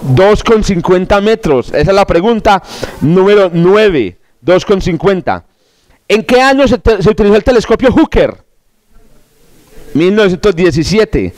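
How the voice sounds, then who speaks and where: A man's voice: sits high, big pitch swings, a little slow, darkish tone, no echo. A man teaching an astronomy course, running through quiz questions in a classroom with jokes, asides and stammered restarts. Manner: joking, digressive, with stammered restarts.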